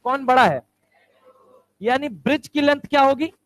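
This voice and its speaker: A male chemistry teacher lecturing a class, firing quick rhetorical questions and answering them himself. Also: very high voice, no room sound, rough recording. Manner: answers his own questions aloud.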